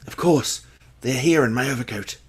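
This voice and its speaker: A man in an audio drama playing Doctor Watson, a loyal, earnest and hesitant gentleman sidekick with polite, formal, expressive speech. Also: medium pitch, moderate pace, husky. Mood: polite, puzzled. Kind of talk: audio drama acting and narration.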